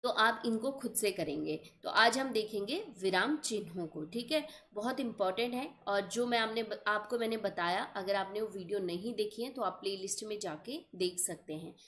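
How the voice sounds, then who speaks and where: A woman's voice: medium pitch, normal speed, few pauses, fairly bright tone, slight background noise. A young woman teaching an exam-prep grammar lesson, explaining patiently and often checking that her students follow.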